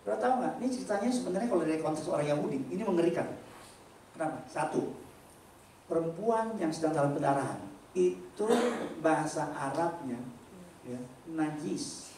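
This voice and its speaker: A male pastor giving an animated sermon, with rhetorical questions, loud emphatic peaks and casual slangy asides to the congregation. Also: a little high, brisk, a little hiss or hum. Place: church hall. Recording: echoey church hall from a distant mic.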